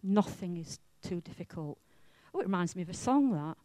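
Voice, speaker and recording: A woman from Wales with a Welsh accent, preaching a sermon in a chatty, self-mocking and lively way. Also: on the low side, moderate pace, no echo.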